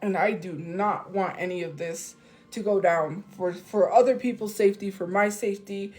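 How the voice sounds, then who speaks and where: A woman's voice: medium pitch, normal speed, darkish tone, low-quality recording. A woman on a phone live stream, venting and defending herself to her viewers in a casual, heated way.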